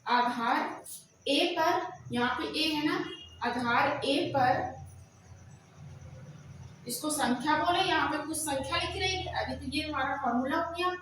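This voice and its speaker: Woman math teacher, high voice, far from the mic, strong room echo, faint background noise. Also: fairly bright tone. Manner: keeps asking questions and answering them herself; slow, drawn-out dictation of formulas. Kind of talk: blackboard math lesson.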